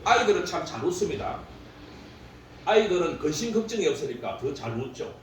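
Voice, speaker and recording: Lively, jokey lecturer in an echoey hall. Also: male voice, a little high, fairly quick. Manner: jokey, laughs at own stories, lively delivery. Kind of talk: humorous workshop lecture. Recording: very echoey hall, distant mic, faint hum.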